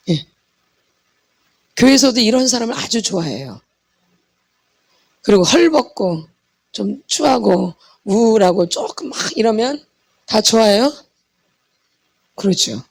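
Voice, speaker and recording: A woman's voice: medium pitch, gravelly, breathy edge. A middle-aged woman preaching a sermon on healing, fervent and full of rhetorical questions to her congregation. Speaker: pastor's wife and healing ministry lecturer.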